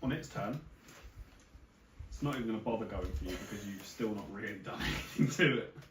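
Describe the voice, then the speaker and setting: A man with a low voice narrates as dungeon master, sketching the action in loose, filler-filled sentences. He sits back from the mic in an echoing room, with clear noise behind him. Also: fairly quick. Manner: descriptive, filler-heavy narration. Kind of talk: narrating a tabletop game. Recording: roomy, distant mic with noise.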